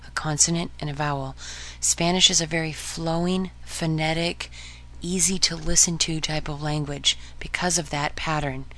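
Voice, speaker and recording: A woman hosting a podcast lesson on Spanish pronunciation, modeling each sound slowly and clearly for listeners to repeat. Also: low voice, a bit bright. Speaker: Spanish teacher.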